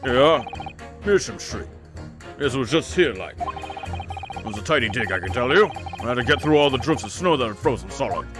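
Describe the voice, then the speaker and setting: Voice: medium pitch, animated, moderate pace, pauses often, lightly acted. A game player voicing a blunt Victorian labourer, music behind. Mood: gruff, matter-of-fact. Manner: colloquial, folksy, tags like "see?" and "like". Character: plain-spoken working-class male Victorian road labourer, blunt and chatty.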